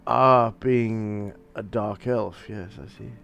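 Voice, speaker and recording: A man voicing a polite, calm half-elf knight woman through a voice changer during a tabletop game. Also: lowish voice, slow pace, vocal fry, clear, resonant tone, highs cut off, exaggerated voice. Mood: curious. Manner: soft-spoken, courteous, hesitant with fillers.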